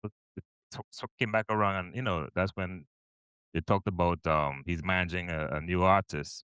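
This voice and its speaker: This middle-aged Trinidadian podcast host, from Trinidad and Tobago, has a low-pitched, smooth, slightly bright voice with fairly level intonation and a normal pace. He keeps the casual interview chatty and upbeat, full of fillers and repeated words, and the recording has no echo.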